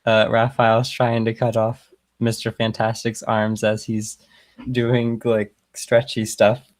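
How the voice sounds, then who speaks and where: A man's voice: lowish voice, monotone, slow. A man casually narrating an improvised fight, hesitant and full of fillers. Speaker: player.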